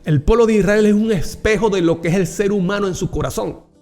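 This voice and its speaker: A man's voice: high-pitched, fairly quick, darkish tone. A man preaching a Bible reflection, earnest and personal, calling the listener dear brother. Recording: long hall reverb with faint music behind.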